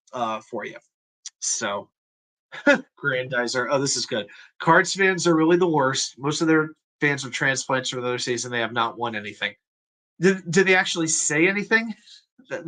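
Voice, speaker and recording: A man's voice: a little high, sharp tone. A man hosting a live-stream sports talk show, chatting in a loose, hesitant way with many fillers.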